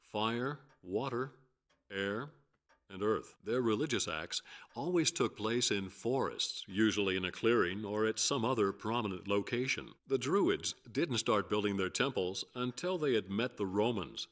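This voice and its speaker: An actor playing an earnest male scholar in a video game, speaking in a measured, lecturing way. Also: fairly low pitch, fairly bright tone. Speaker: game character.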